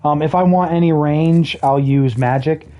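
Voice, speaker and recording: Mellow-voiced streamer with a scratchy throat. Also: medium pitch, normal speed, highs cut off. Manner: chatty, explains game mechanics with dry jokey asides. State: throat trouble, occasional coughing. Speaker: game streamer. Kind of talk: casual gameplay commentary.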